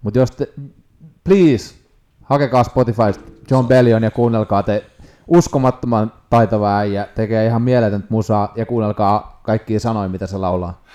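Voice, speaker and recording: A young man with a mellow, warm tone chats casually on a podcast. He talks up his favourite songs with real enthusiasm, like he's recommending them to friends. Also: lowish voice, steady tone. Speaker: podcast co-host. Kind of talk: casual chat ranking songs.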